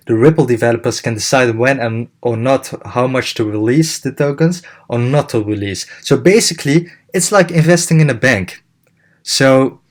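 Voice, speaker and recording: A young man hosting a crypto channel, explaining in a casual way with many fillers and restarts. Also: medium pitch.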